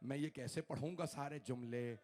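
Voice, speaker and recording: A man from Pakistan reciting a mournful sermon at a large gathering, his delivery swinging from hushed to wailing, shouted grief. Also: medium pitch, moderate pace. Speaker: Shia cleric reciting a majlis.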